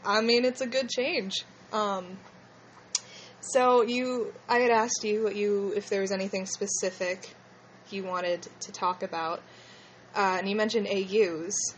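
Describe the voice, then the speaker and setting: A woman's voice: medium pitch, steady tone, measured pace, slight background noise, poor audio. A woman with a slushy lisp hosting a casual fan discussion in a hesitant, rambling way. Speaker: podcast host.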